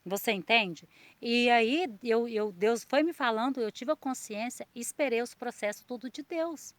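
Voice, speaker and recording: Woman, Brazilian Portuguese accent, fairly high voice, earnest personal religious testimony, repetitive, keeps checking the listener follows. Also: normal speed, no room sound. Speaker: testimony speaker.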